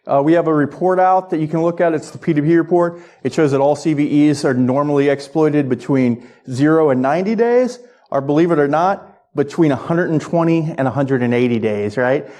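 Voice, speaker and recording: A man's voice: a little high, fairly quick, a little mellow. A man presenting an informal technical lightning talk to an audience as a conference speaker, in a conversational way that checks in with listeners. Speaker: conference speaker, security research director.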